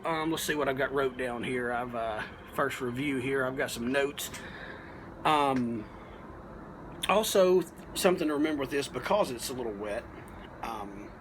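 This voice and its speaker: Folksy man, noisy recording. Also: mid-range voice. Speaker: pipe tobacco reviewer. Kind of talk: casual video review.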